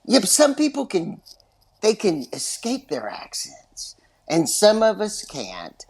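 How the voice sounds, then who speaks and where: A man's voice: high-pitched, huge pitch swings, takes it slowly, darkish tone, breathy edge. A man with a West Texas twang, chatting casually and enthusiastically as a podcast guest. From West Texas, USA. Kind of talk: casual chat.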